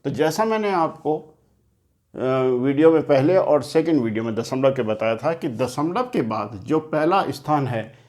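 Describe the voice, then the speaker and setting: A man's voice: fairly high pitch, animated, a little slow, darkish tone. A man teaching children maths, explaining patiently step by step and often repeating himself while writing on a board. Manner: repeats and rephrases key points. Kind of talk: classroom lesson for children. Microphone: talking while writing on a board.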